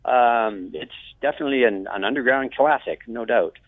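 A musician guest speaks to a casual interview by phone, his mid-range voice at a moderate pace with no echo. The line is crackly and keeps breaking up. He sounds relaxed and hesitant, using lots of fillers.

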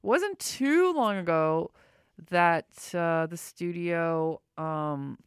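A middle-aged woman hosts a radio show in a casual, unscripted way, her words wandering informally. Her voice sits a little low and is smooth, though slightly muffled by the face mask she talks through. The studio sound is dry and close. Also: lively intonation, extremely slow, no room sound. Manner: rambling, informal.

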